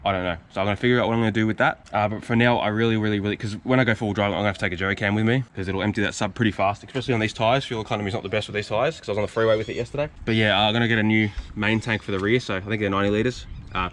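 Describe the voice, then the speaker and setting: A young man talks quickly and warmly to camera, his voice sitting fairly low. He rambles, restarts his sentences and sounds openly moved. A faint hum of outdoor noise sits behind him. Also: fairly even intonation. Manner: rambling, emotional, many restarts. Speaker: car vlogger. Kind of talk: casual vlog to camera. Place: home driveway, outdoors.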